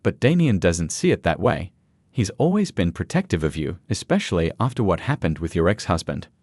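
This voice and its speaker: Soft gentle young woman, voiced by a man. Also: deep voice, very animated, fairly quick, dry recording. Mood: soft sympathetic. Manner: soft, sympathetic. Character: gentle young woman, caring daughter-in-law.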